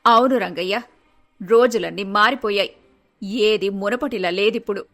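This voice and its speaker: A woman voicing an aging, widowed mother in an animated storybook, lamenting her troubles in a sorrowful, resigned way. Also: medium pitch, moderate pace, soft background music, close to an everyday voice. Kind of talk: storybook voice acting.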